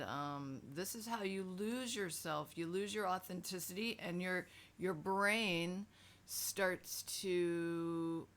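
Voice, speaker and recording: A woman's voice: on the low side, a bit bright. A middle-aged woman talking casually and emphatically in a self-help video, frank and conversational.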